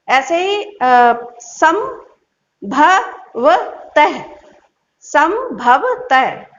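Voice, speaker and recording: A woman teacher giving a reading lesson, speaking slowly and patiently, repeating words syllable by syllable. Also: high voice, fairly bright tone. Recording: dull, echoey room.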